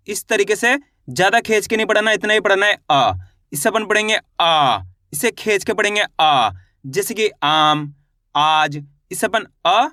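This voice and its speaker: A man teaching beginners to read the Hindi alphabet in a high, bright, forceful voice. He works through the letters one sound at a time, patiently slowing on example words and often asking if it is clear. The sound is close and dry. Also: dry recording. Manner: patient, drills sounds one by one and checks understanding.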